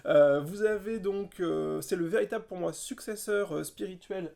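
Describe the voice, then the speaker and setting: A man's voice: sits high, gravelly, dark tone. A man co-hosting a podcast, chatting enthusiastically and playfully about tabletop games. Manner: enthusiastic, playful, quick asides. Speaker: podcast co-host.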